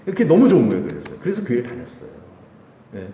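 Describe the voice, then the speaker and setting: A man's voice: medium pitch, rapid-fire, a little hiss or hum. A male pastor preaching a Sunday sermon in a church, telling a personal story with frequent laughs. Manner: storytelling, animated, laughs between phrases. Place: church sanctuary. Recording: echoey hall, voice from a distance.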